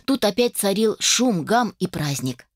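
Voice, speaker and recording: A woman reading a first-person novel aloud as an audiobook narrator, in an even storytelling way. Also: mid-range voice, unhurried, no echo, studio quality.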